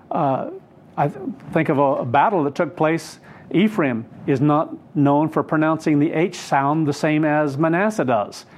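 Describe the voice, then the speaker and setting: A man's voice: on the high side, a little mellow. A man teaching on scripture off the cuff, earnest and rambling, often correcting himself mid-sentence. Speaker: Bible teacher. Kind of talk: unscripted Bible teaching.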